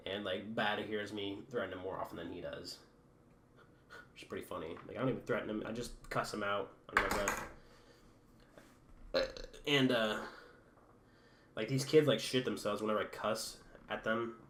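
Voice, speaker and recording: With a lowish, steady voice at normal speed and frequent pauses, a teenage podcast host tells rambling, profane stories in a casual chat. He laughs at his own jokes, and the echoey room carries a faint background hum.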